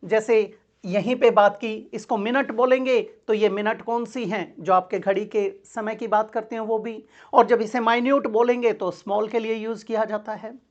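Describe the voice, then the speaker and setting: A woman's voice: on the high side, fairly even intonation, normal speed, a little mellow, muffled recording. A woman teaching an English grammar lesson for exam preparation, asking her class questions and answering them herself, calling her students "beta".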